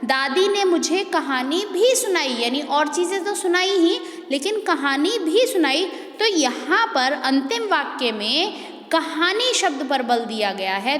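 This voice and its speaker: A woman's voice: high voice, a bit bright. A woman teacher giving a grammar lesson, explaining step by step and checking in with the class. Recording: echoey room with long reverb.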